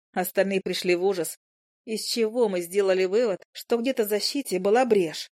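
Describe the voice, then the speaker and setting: A woman narrating a first-person audiobook in a lively, expressive way. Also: medium pitch. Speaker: audiobook reader.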